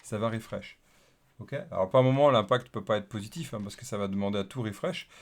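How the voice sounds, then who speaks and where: A man's voice: fairly low pitch, a little fast. A man talking through a casual coding screencast, thinking aloud as he types, with lots of fillers and repeated okays. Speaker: developer teaching coding. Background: keyboard typing and clicks.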